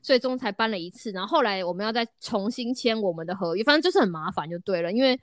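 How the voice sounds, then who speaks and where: Fast, lively woman. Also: mid-range voice, no room sound, clean studio sound. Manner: animated storytelling, drops English words into Mandarin. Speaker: storyteller in a chat. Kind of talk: casual chat.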